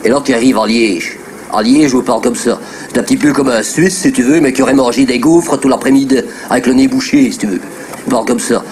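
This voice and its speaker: A man's voice: mid-range voice, a little mellow, a little hiss or hum. A Belgian man with a Brussels accent, teasingly explaining regional accents to a learner. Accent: Belgian French, Brussels. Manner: quick, teasing, demonstrative. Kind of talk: comic explainer.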